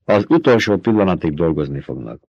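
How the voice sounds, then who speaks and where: A calm desert scientist in an audiobook, read by a man. He answers plainly and without fuss in a fairly low voice. The recording is dry and close. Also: vocal fry, slightly rough, no room sound, muffled recording, heavily acted. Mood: matter-of-fact.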